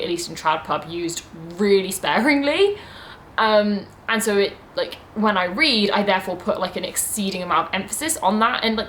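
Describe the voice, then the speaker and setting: A woman's voice: mid-range voice, a bit bright, slight background noise. Chatty woman rambling about books. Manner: chatty, rambling, many "like" and "um" fillers. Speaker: book vlogger. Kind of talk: casual reading vlog chat.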